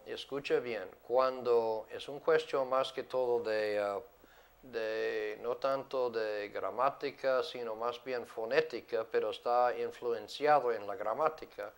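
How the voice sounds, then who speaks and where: A man teaching an English grammar lesson to a class, slow and deliberate, repeating words and switching between English and Spanish. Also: medium pitch.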